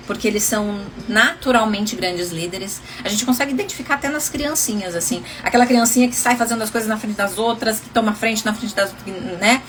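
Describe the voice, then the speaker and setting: A woman's voice: a little high, slight background noise. A woman relationship coach giving casual advice on a livestream, chatty and often laughing, calling viewers endearing names.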